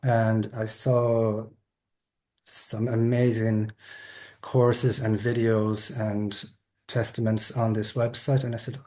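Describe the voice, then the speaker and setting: A man's voice: fairly low pitch, little pitch movement, slow pace, darkish tone. A man hosting an interview, telling a personal story in a chatty way and laughing at himself now and then. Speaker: interviewer, group host. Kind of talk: storytelling introduction.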